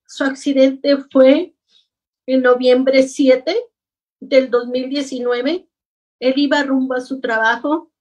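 A middle-aged woman, a grieving mother, telling her story slowly and haltingly in an interview. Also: sits high, little pitch movement, darkish tone, recorded from a distance. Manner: slow, halting, heavy with grief. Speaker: guest, bereaved mother. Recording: voice from away from the mic.

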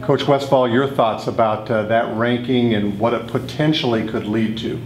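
A man moderating a press conference, asking halting, measured questions with fillers. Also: medium pitch, fairly even intonation, echoey room, slight background noise, poor audio.

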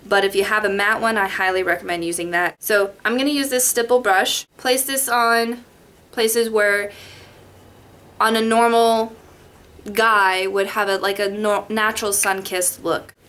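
A young woman from Las Vegas, working as a beauty vlogger, chats and rambles through a makeup tutorial in her bedroom. She speaks into a webcam in front of her in a steady, unhurried, medium-pitched voice with a fairly bright tone.

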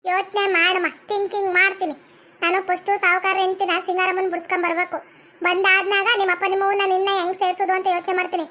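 Loud bossy village aunt, north karnataka accent, super high and fast, always scolding. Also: female voice, flat delivery. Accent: North Karnataka Kannada. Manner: scolding, sharp-tongued, theatrical. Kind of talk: village comedy skit.

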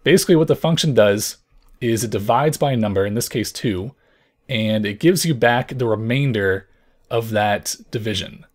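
A young man with a hoarse, worn voice, hosting a casual programming tutorial and thinking out loud as he explains. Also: lowish voice, moderate pace. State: hoarse from lost voice.

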